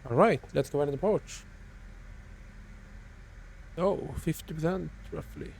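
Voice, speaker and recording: A man with a low, gravelly voice gives clipped pilot-style cockpit callouts as he works through his checklist. The tone is dark and relaxed, with a faint hum behind him. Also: a little slow. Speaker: flight sim player flying online.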